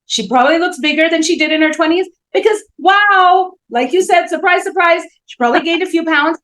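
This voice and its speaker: High-voiced animated woman. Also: a little fast, rough recording. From India. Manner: animated, storytelling, emphatic. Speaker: talk show co-host. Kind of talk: casual chat.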